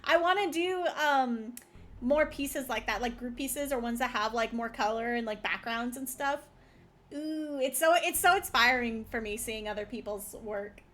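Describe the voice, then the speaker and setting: A woman's voice: fairly high pitch, moderate pace, a bit bright. A woman livestreamer chatting casually in a cute anime-streamer style, bubbly and gushing.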